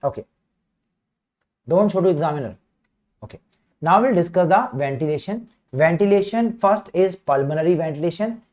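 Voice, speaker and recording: A man with a north Indian accent giving an informal live online medical lecture, repeating phrases, checking in with students and often clearing his throat. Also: high voice, darkish tone. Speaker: medical teacher.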